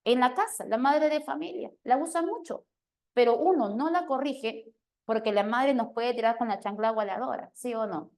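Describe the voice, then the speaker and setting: A woman teacher giving an animated lesson, often checking in with her listeners. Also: a little high, moderate pace. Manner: animated, questioning, keeps asking "¿sí o no?". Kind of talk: lively classroom lesson.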